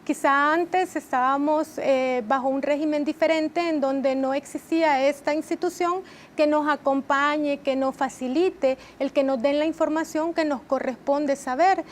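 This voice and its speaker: A woman, answering as a guest in a TV interview in a measured, explanatory way. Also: sits high, steady tone, a little hiss or hum. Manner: measured, explanatory, with frequent rhetorical tag questions. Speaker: interview guest, training head.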